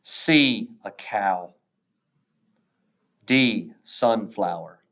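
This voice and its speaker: In a fairly low, slightly bright voice, a man reads test questions and their answer choices aloud as a teacher would, measured and deliberate, leaving a pause after each option.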